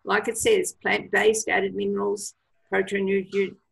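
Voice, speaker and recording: Woman, gravelly, husky, enthusiastic product advice, video call. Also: medium pitch, monotone, a little slow, poor audio. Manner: enthusiastic, gives advice with many fillers. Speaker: product trainer. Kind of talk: casual presentation on a video call.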